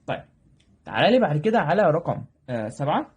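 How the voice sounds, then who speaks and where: A young Egyptian man tutoring a math exam review in a quick, conversational way, often checking that students follow. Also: fairly high pitch, big pitch swings, husky. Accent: Egyptian Arabic. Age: young adult. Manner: rapid, keeps checking in with "تمام؟".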